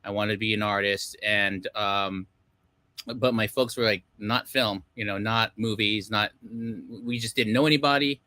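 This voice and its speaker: Bright-voiced man on a video call. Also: fairly low pitch, steady tone, moderate pace, dry recording. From Los Angeles, United States. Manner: rambling, many fillers, self-deprecating laughs. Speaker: film director, guest. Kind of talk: casual interview talk.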